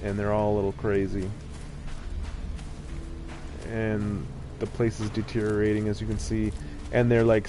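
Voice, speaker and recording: A man's voice: lowish voice, a little mellow, a little hiss or hum. A man doing casual live gameplay commentary, with informal, rambling asides. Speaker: video game live streamer.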